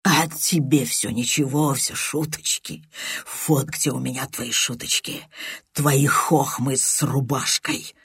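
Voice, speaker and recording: A reader voicing a desperate, jealous man with a torn, hoarse, shuffling voice, speaking in a grim half-whisper. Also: medium pitch, steady tone, slow pace, a bit bright, dry recording, studio quality, heavily acted. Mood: grim accusing. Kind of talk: audiobook character voice.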